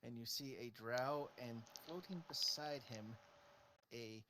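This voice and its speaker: A man's voice: medium pitch, slow, sharp tone, slight background noise. A man improvising narration as the game master of a tabletop role-playing game.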